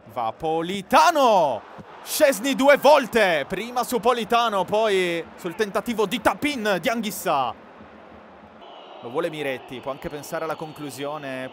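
A man giving live football commentary, excitable and given to bursting into shouts at chances. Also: a little high, moderate pace. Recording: constant stadium-like background noise.

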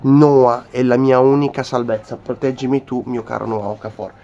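A man with a southern Italian accent reacts emotionally to football, exclaiming and repeating himself. He sounds ill and unable to shout fully. His pitch is average, with faint noise and clicks on the recording. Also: little pitch movement, normal speed, highs cut off. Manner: impassioned, repetitive exclaiming of a player's name. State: sick, run-down, unable to shout. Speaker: football fan commentator.

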